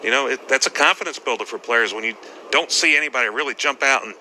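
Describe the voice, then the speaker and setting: A man's voice: mid-range voice, fast, bright, forceful tone, a little hiss or hum, low-quality recording. A man giving conversational analysis as a golf commentator on a live broadcast.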